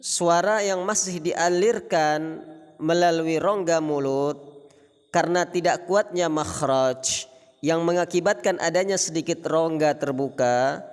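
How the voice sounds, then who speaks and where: Man, tajwid teacher, slow deliberate delivery, slightly high voice, long hall reverb. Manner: slow, deliberate, models Arabic examples in a raised chanting pitch. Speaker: Quran recitation teacher. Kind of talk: tajwid lesson.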